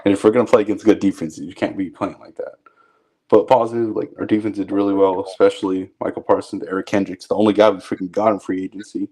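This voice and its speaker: A man's voice: deep voice, steady tone, quick pace, warm tone. A young man co-hosting a casual sports chat, blunt and laid-back, trash-talking players. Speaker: co-host.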